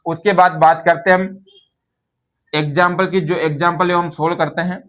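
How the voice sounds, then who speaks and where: Speaking patiently at a moderate pace, a male maths teacher asks questions and answers them himself as though talking to a class. His voice sits a little above the typical male range, is a bit bright, and shows little pitch movement.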